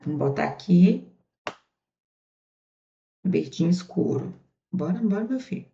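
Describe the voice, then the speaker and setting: A Brazilian woman teaching a grammar lesson in a chatty, lively way, drawing out the words she stresses. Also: lowish voice, a little slow, gravelly. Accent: Brazilian Portuguese. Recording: muffled, echoey room.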